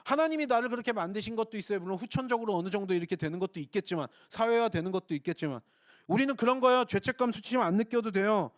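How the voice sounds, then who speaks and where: A man's voice: high-pitched, lively intonation, very fast, no echo, studio quality. A man preaching a Sunday sermon, earnest, putting rhetorical questions to his congregation. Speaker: pastor.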